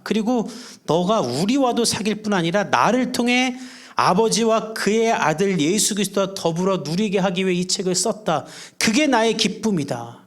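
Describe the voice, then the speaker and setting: Middle-aged pastor delivering a church sermon in an earnest, chatty way, voice on the higher side for a man. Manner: earnest, conversational preaching with everyday examples. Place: church service.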